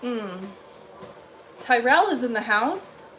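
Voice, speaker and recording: A woman's voice: on the high side, big pitch swings, takes it slowly, a bit bright, slight background noise, poor audio. Blunt woman streaming from a treadmill. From Illinois. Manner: blunt, dry and dismissive toward chat. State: walking on a treadmill. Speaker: livestream host reading chat. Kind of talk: casual livestream chat.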